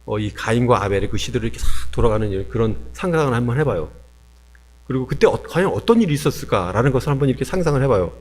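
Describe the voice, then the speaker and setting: A male pastor delivering a sermon with animated storytelling, often putting questions to the congregation. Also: medium pitch.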